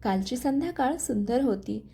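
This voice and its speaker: A steady young husband in a storybook drama, voiced by a woman narrator in her own fairly high voice. He speaks firmly and sternly, his tone mellow. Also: moderate pace, creaky. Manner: firm, stern. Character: calm, protective young husband.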